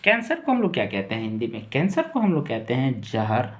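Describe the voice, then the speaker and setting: A man teaching English words in a slow lesson, spelling each word out letter by letter and repeating it. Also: mid-range voice, huge pitch swings.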